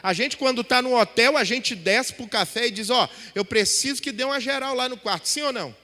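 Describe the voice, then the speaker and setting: A man's voice: very high-pitched, fairly quick, pushed and bright. A middle-aged man preaching a sermon in a church, talking animatedly and asking the congregation rhetorical questions. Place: church hall. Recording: long hall reverb from a church.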